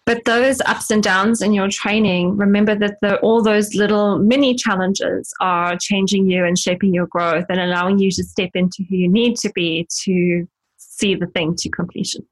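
A woman's voice: medium pitch, fairly even intonation, moderate pace. A woman co-hosting a podcast, chatting casually in a teasing, encouraging way. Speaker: podcast co-host.

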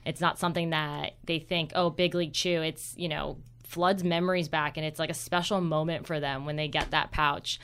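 A woman's voice: sits low, steady tone, normal speed, hardly any pauses, a bit bright, slight background noise. A woman talking about her public relations work in a casual podcast chat, upbeat and full of fillers. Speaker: PR guest.

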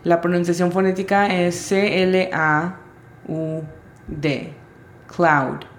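A woman teaching English vocabulary in Spanish, spelling out each word's sounds slowly and carefully. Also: on the low side, steady tone, roomy sound. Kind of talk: vocabulary lesson.

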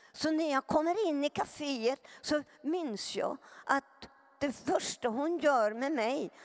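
Earnest woman in a reverberant hall. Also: high-pitched. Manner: earnest, talks straight to the audience with questions. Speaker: speaker giving a personal testimony. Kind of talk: personal testimony to a live audience.

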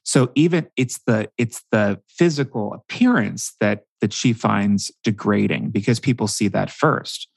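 A man with a somewhat low voice talks as a guest expert on a podcast. He tells his points as animated stories and fills his pauses with frequent ums. The recording is dry and close, with almost no room sound. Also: gravelly, no room sound. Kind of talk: podcast interview.

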